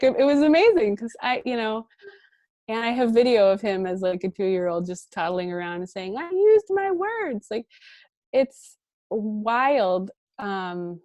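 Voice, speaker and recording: A woman in her thirties speaks as a guest on an online interview, her voice at an ordinary middle pitch. She sounds warm and animated, laughing often and talking through fillers. The sound is dry and close, with no room echo. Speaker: guest speaker, parent coach. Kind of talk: conversational interview.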